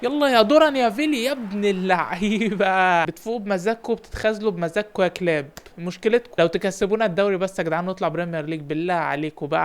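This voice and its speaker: A young man with an Egyptian Arabic accent, giving lively, animated commentary while playing a football manager game and shouting encouragement at his players. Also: a little high, clear, resonant tone. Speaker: gaming YouTuber.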